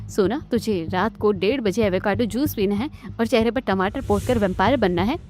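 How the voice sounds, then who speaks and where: A woman's voice: mid-range voice, darkish tone, natural voice. A woman voicing a tired, fed-up young daughter-in-law in a cartoon story.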